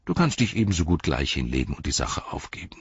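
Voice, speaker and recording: A man's voice: a bass voice, wildly swooping pitch, fast, gravelly, husky, no echo, muffled recording, heavily acted. A man doing a scornful, gloomy inner voice. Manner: scornful, discouraging. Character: gloomy, mocking inner voice of a male hobbit.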